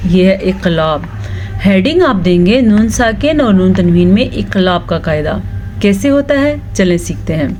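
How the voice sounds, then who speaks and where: Slow-speaking woman teaching Quran recitation. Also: mid-range voice, animated, a little mellow, slight background noise. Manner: recites verses slowly and drawn out, then explains rules. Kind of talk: slow recitation lesson with explanations.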